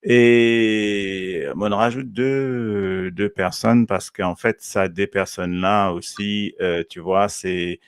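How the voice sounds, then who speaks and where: A man's voice: fairly low pitch, fairly even intonation, slow pace, hardly any pauses, clean tone, no echo, studio quality. A man from Mauritius presenting a radio show in casual chat, hesitant, with many fillers and restarts.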